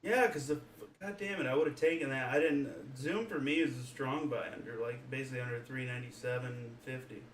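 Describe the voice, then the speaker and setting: A man's voice: medium pitch, fairly even intonation, brisk, hardly any pauses. A man co-hosting a trading livestream, joking around and riffing on tangents. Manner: playful, rambling, swears. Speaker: trading stream co-host. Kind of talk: casual livestream banter. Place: home.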